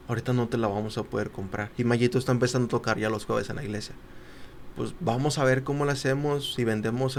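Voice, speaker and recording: A young adult man, a guest on a podcast, casually tells a personal story at a middle pitch. He acts out the voices of the people he quotes and goes quiet during the tender moments, with faint background noise beneath.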